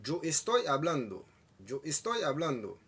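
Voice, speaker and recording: A man teaching a language lesson, saying each phrase twice, slowly and deliberately. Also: a little high, very animated, fairly bright tone, breathy edge. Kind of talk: slow bilingual language lesson.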